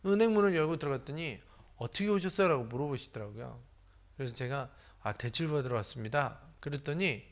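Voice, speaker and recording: A man's voice: mid-range voice, a bit bright. A middle-aged man from Incheon preaching a sermon as pastor, telling humorous stories and acting out the voices and dialects of the people he quotes. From Incheon, South Korea.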